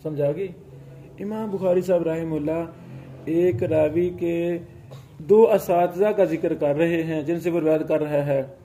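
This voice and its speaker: A man with a high, mellow voice lectures a classroom at an unhurried pace. He explains point by point, recites classical Arabic passages, and keeps asking his students whether they follow. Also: steady tone, slight background noise. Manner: explains slowly, often checks students' understanding with questions. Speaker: teacher of hadith studies.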